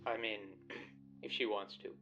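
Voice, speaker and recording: A man voicing a hesitant, anxious man on a call, halting and stammering, his voice bitcrushed and crunchy. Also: lowish voice, level tone, highs cut off, over music. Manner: halting, stammering, repeats words.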